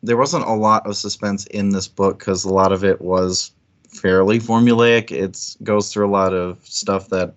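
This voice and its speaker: The recording is muffled, and the man's voice is fairly low, steady in tone, and unhurried. He's a book club livestream co-host having a casual book chat, rambling and thinking aloud as he talks.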